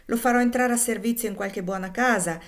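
A woman voicing a callous, businesslike male slave trader, brisk and matter-of-fact. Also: fairly high pitch, natural voice.

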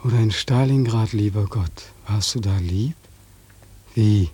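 A man's voice: on the low side, measured pace, dark tone, breathy edge. An actor playing a bitter young war veteran who accuses God and mocks people while dreaming of his own death. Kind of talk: radio play acting.

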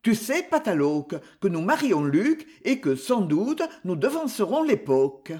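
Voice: medium pitch, sing-song, a little slow, a little mellow. A reader doing a hearty, blunt village father. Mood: jovial. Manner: jovial, blunt.

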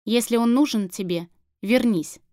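A woman voicing a grim, stubborn shaven-headed man in an audiobook, speaking flatly and bluntly. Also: on the high side, measured pace, dry recording, studio quality, natural voice. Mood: insistent. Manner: flat, firm and blunt. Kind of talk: audiobook character reading.

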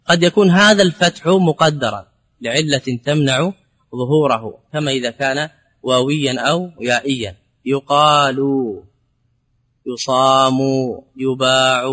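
A man's voice: mid-range voice, moderate pace, long pauses, a bit bright. A man teaching a grammar lesson, explaining step by step, repeating example words and asking rhetorical questions. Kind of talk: classical Arabic grammar lesson.

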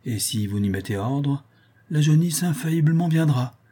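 A smooth-talking, fawning doctor with a lifted, loud voice , as a male reader puts him on. He flatters and bustles, piling compliment on compliment. The tone stays warm and a little husky underneath. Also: a little high, moderate pace, pitched above the performer's own voice. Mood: insistent. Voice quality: raised, loud, honeyed delivery. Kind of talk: audiobook reading.

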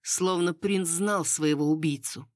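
A woman reading the part of a knowing court lady who passes on rumors in a hushed, conspiratorial, bitter way. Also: lowish voice, measured pace, no room sound, clean studio sound, close to an everyday voice.

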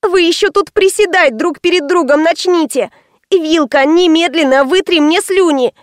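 Woman doing a shrill cranky teen girl. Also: normal speed, no echo, studio quality. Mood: angry. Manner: shrill and whiny.

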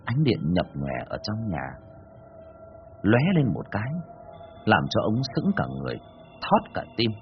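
Husky low-voiced guy telling a spooky story, big swings in pitch, muffled lo-fi sound. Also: measured pace, long pauses, soft background music. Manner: dramatic, animated telling. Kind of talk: dramatic ghost story narration.

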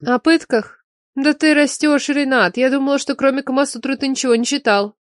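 A sharp-tongued young woman teacher, put on by a male audiobook reader, answering in curt, cool, sarcastic lines. The voice sits well above the reader's own, dry and close to the mic. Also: very high voice, a little fast, no room sound, pitched above the performer's own voice. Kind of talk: audiobook character voice.

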